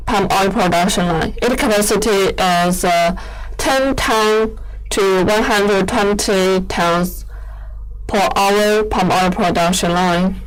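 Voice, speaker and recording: A woman presents equipment in a live demo at a very slow, careful pace. Her voice is clean and smooth, and her simple, non-fluent English comes in hesitant pieces with repeated words. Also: medium pitch, poor audio. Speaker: equipment company presenter giving a machine demo. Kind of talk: live product demonstration, explanatory.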